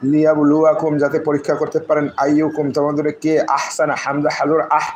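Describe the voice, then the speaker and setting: A man teaching Quran recitation, breaking words into single syllables and drawing out the recited phrases. His voice sits a little high and stays flat in pitch. A faint hiss runs underneath. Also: poor audio. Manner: slow syllable-by-syllable drilling, drawn-out recited phrases. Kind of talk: spelling out Arabic letters and vowels, then explaining.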